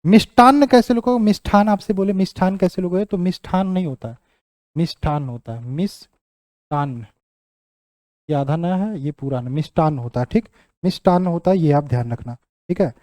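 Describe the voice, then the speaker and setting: A young male teacher runs an exam-prep lesson, saying each word again and again as he writes it out and checking in with his students. His voice sits high but mellow. The sound is dry, with no room echo. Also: fairly quick. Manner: repeats words while writing them out, checks in with "ठीक".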